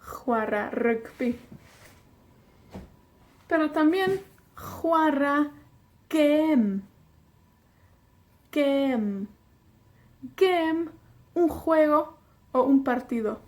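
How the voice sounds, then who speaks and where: Very slow, high-voiced woman teacher from Wales. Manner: patient, repeats words slowly for learners to echo. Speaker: language teacher. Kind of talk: beginner language lesson.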